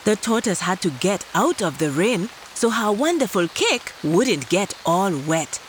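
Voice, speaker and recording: A woman's voice: mid-range voice, sing-song, a little slow, a little hiss or hum, poor audio. A woman hosting a children's story show, narrating in a playful way, like an entertainer addressing little listeners.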